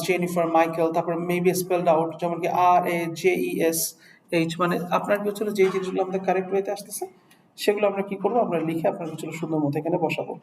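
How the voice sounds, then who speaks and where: A man's voice: sits high, darkish tone. A man with a Bangladeshi accent teaching an English test class in a classroom, mixing English words into Bengali and often asking the students checking questions. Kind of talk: classroom lecture. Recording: echoey room, faint noise.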